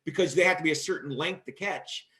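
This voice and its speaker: A man hosting a casual talk show with a fairly high voice. He tells long stories in a lively, animated way, raising his voice to act out what others said. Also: quick pace. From Michigan, USA. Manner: animated, acts out quotes in a loud voice. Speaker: host. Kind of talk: casual storytelling chat.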